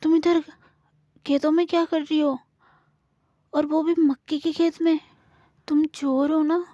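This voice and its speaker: Woman voicing a nervous, talkative young village girl, high and quick, dry dull recording. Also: flat delivery, mellow, no echo. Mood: accusing. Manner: rapid, anxious, accusing chatter. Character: scared, chattering young village girl Gauri.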